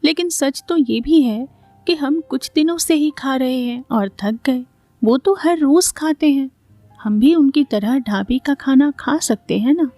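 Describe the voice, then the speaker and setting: A woman's voice: sits high, measured pace, warm tone, no echo, soft background music. A woman voicing a dramatic, scheming mother-in-law who talks theatrically and often sounds exasperated.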